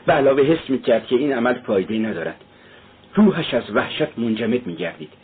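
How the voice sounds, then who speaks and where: A man narrating an audiobook in a steady, solemn reading. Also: mid-range voice, slightly rough. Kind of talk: scripted narration. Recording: tinny phone-like sound.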